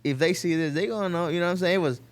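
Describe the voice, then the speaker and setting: A man's voice: high-pitched, rapid-fire. A man in his late twenties from Mexico, raised in Texas, a barber talking casually in a group and often saying "you know what I'm saying".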